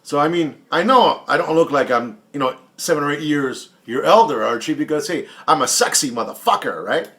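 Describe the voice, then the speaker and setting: This late-forties YouTube watch channel host speaks a little fast with few pauses, his fairly high voice animated, pushed and bright. He fields another vlogger's questions casually and bluntly, swearing heavily, taunting, and repeating himself to drive points home.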